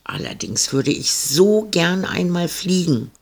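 A man voicing a lively little girl full of wild ideas, in a high, eager, pleading voice. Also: slow pace, creaky, husky, exaggerated voice.

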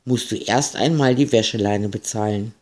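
A man's voice: fairly low pitch, normal speed, a little mellow, natural voice. A man voicing a stern, impatient farm woman who scolds in a grumpy tone.

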